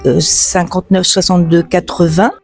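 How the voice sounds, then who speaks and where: Low-voiced woman in her sixties. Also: little pitch movement, moderate pace, husky. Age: 60s. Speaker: retiree, association secretary. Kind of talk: interview testimony. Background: soft guitar music.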